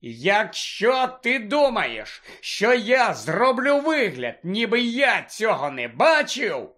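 A man reading the part of an angry teenage boy wizard who shouts urgently in a storybook. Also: high voice, big pitch swings, slow, pitched above the performer's own voice, exaggerated voice. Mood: bitter.

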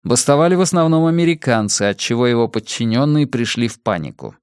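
A man reading an audiobook with measured, expressive narration. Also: medium pitch, clear, resonant tone, no echo, clean studio sound.

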